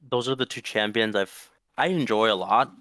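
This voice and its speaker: A man's voice: fairly low pitch, moderate pace, fairly bright tone, no room sound. A young man from Mexico, talking politely and upbeat with his coach, often restarting his sentences. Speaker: student player. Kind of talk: casual chat.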